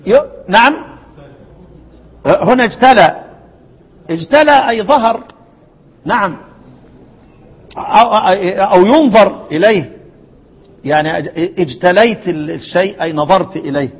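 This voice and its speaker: A man with an Egyptian accent teaching a recitation class, often asking his students a question and then answering it himself. His voice sits high and sounds a little husky. He now and then slips into slow chanted verses, all carried by a long hall echo. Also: expressive, lo-fi sound. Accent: Egyptian Arabic. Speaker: sheikh teaching Quran recitation. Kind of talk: classroom lesson.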